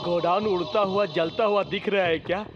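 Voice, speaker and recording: A man's voice: high-pitched, steady tone, normal speed, lo-fi sound, over music, lightly acted. Snappish sneering henchman, dubbed by a man. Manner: snappish, curt. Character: sneering male henchman, blunt and edgy. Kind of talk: Hindi film dub.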